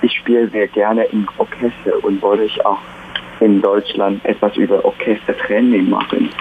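Young man speaking haltingly on a phone line. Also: fairly low pitch, flat delivery, slight background noise. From Taiwan. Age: young adult. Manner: halting non-native speech, many pauses. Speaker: music student. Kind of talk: phone interview.

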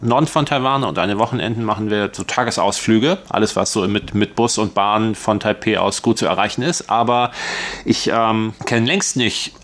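Male journalist co-hosting a radio chat, easygoing and thoughtful, plenty of ums, middle-pitched voice. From northwestern Lower Saxony, Germany. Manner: relaxed, thoughtful, many hesitations.

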